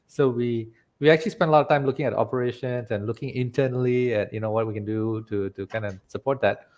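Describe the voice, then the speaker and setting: A man's voice: medium pitch, steady tone, quick pace, a little mellow. A man who is a podcast guest, explaining his experience in a reflective way and often checking in with "right?". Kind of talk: conversational interview.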